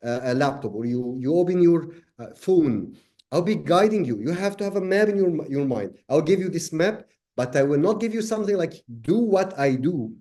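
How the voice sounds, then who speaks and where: A man's voice: a little high, lively intonation, normal speed, mellow. A man from Egypt hosting a live trading webinar, answering questions casually with many fillers.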